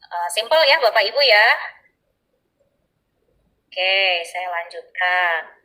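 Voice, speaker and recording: A woman giving an explanatory tutorial to teachers, addressing them politely again and again and pausing often on filler sounds. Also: fairly low pitch, bright, forceful tone, low-quality recording. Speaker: teacher trainer.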